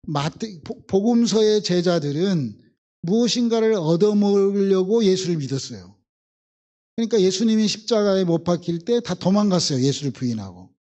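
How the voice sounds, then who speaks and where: A man's voice: high-pitched, mellow, dull audio. A male pastor from the Jeolla region, preaching a sermon and acting out biblical voices with emphatic repetition. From Jeolla, South Korea.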